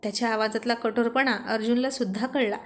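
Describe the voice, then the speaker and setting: A woman narrating a romantic story aloud in a lively, animated way. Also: fairly high pitch, fast, slight background noise.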